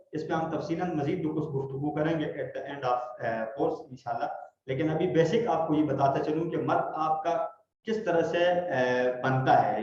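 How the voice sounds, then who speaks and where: A man's voice: a little high, a little mellow, a little hiss or hum. A man teaching a Quran recitation class online, patient and explaining step by step. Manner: patient, explains step by step, checks understanding often. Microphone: online video call. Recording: echoey, muffled online call audio.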